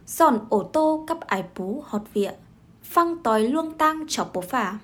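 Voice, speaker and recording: A woman with a husky voice narrating a story in a steady telling manner. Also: a little high, measured pace, faint music behind.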